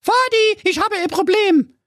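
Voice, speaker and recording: A man voicing a spoiled, rude young princess in a squeaky falsetto, for a comic fairy-tale parody reading. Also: a little slow, fairly bright tone, no room sound, clean studio sound. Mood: snippy. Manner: shrill squeaky falsetto, snippy and scornful.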